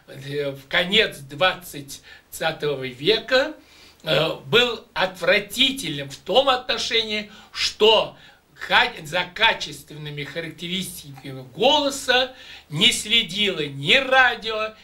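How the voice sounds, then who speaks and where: High-pitched, with lively intonation and a pushed, bright sound, an older man from Russia addresses students and shows them voice exercises. He speaks slowly, deliberately, emphatically and declamatorily. He is in a small room with patterned curtains, heard through a distant camera mic.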